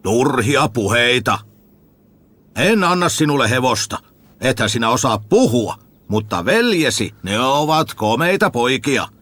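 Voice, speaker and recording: A man's voice: medium pitch, sing-song, a bit bright. A man voicing a stern old father who curtly refuses his son. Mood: dismissive. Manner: curt, dismissive.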